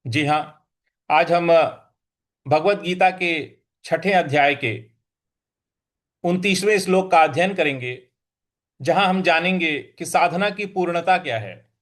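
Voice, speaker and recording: A man teaching a recitation lesson, repeating each word slowly and drawing out syllables as he chants verses. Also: fairly high pitch, a bit bright. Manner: slow, careful, drawn-out syllables in chanted verse; repeats words for practice.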